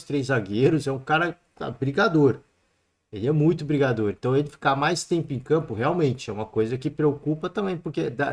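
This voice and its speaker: A man with a Brazilian accent hosting a sports podcast alone, giving casual football commentary in a chatty way. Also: on the high side. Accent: Brazilian Portuguese. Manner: chatty, peppers talk with "né" and "cara".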